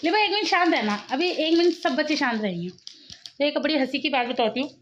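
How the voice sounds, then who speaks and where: A chatty woman in her thirties talks to camera at home with her kids around, laughing easily as she tells stories. Her voice sits high. The sound is a little dull and lo-fi, with a faint hiss behind it. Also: expressive, fast talker, a bit bright. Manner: chatty, laughs often, coaxing with her children. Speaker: vlogger, mother. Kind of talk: casual home vlog chat.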